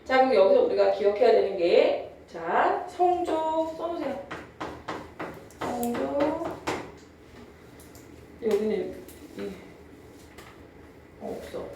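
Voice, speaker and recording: A woman's voice: medium pitch, a little slow, creaky, long pauses, a little mellow, very echoey, distant mic, slight background noise, low-quality recording. A young adult woman teacher giving a classroom lecture, chatty and often checking in with her students. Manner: drawls out words when demonstrating old pronunciation. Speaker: Korean language teacher.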